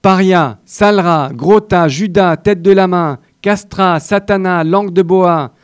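A man voicing a furious woman who hurls strings of insults at her lover in a raised, high voice. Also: clean tone. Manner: rapid-fire shouted insult lists.

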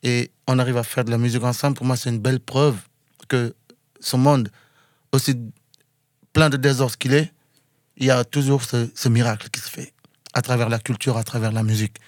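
A man's voice: mid-range voice, steady tone, fairly quick, pauses often, no echo, studio quality. A man from Senegal, a musician guest, talking earnestly in an interview and slipping into English now and then. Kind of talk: casual interview talk.

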